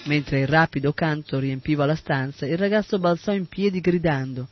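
A man narrates a story in a steady, measured reading voice. His voice sits somewhat high. Soft sitar music plays behind him, and the recording is dull and muffled. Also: dry recording.

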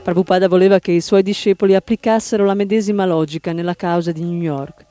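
A male narrator reads a biography aloud in a steady, even storytelling manner. His voice sits high but stays mellow, with soft music underneath. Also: fast talker.

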